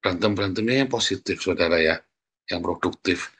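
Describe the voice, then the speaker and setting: A man's voice: deep voice, a little fast, a bit bright, husky. A male pastor giving a conversational, humorous sermon with an Indonesian accent, telling family stories and often turning to the congregation. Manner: conversational and humorous, often adds "saudara ya" and laughs while telling a story.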